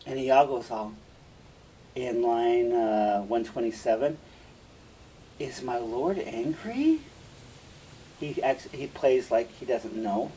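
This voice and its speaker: A man's voice: mid-range voice, fairly even intonation, unhurried, mellow. A man teaching, who reads a play aloud and explains it in a casual, conversational way with asides to students. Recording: distant mic, faint room noise.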